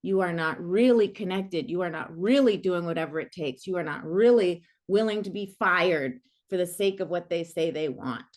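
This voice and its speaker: A middle-aged woman, a coach leading an online workshop, talking in a casual, animated and playful way. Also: on the low side, moderate pace, few pauses. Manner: animated and playful, many fillers like "like".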